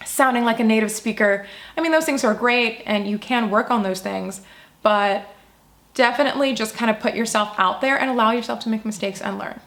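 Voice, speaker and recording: A young woman talks straight to her viewers in a casual vlog, upbeat and encouraging. Her voice sits at an ordinary middle pitch, and her delivery is chatty and relaxed. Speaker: language-learning YouTuber.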